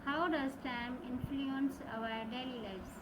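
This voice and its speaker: A woman's voice: sits high, a little slow. A woman, hosting and putting stock-phrased questions one after another. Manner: formulaic, opens each turn with the same stock phrase. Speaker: host interviewing a voice assistant. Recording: noisy background with passing vehicles.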